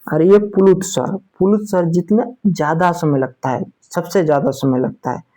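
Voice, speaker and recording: This is a Sanskrit teacher delivering a grammar lesson aloud with a mellow, mid-range voice. Questions get asked and then self-answered, "theek hai" comes up again and again as a check-in, and example sounds are drawn out slowly.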